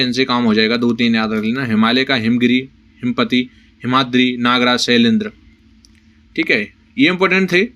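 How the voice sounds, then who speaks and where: A man teaching an exam-prep lesson, briskly listing words and checking in with his students. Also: medium pitch, a bit bright, lo-fi sound. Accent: Rajasthani Hindi. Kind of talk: spoken lesson for exam preparation.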